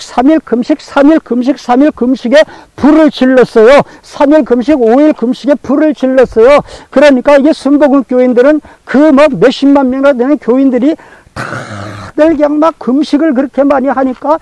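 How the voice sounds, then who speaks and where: A male pastor preaching a sermon, repeating phrases for emphasis and telling stories in a lively, colloquial way. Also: very high voice, dry recording, low-quality recording. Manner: colloquial, animated storytelling with acted-out quotes.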